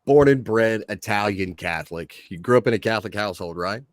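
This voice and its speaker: A man's voice: fairly low pitch, fairly quick, no room sound, studio quality. A man hosting a podcast in casual chat, with a joking, teasing manner. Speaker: podcast host.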